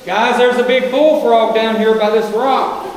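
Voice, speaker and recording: Cave guide, male, notably high voice, folksy group address, heavy cave echo. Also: fairly even intonation, measured pace, far from the mic. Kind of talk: guided tour talk to a group. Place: inside a cave, voice echoing off rock. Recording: echoey cave reverb, hiss and noise.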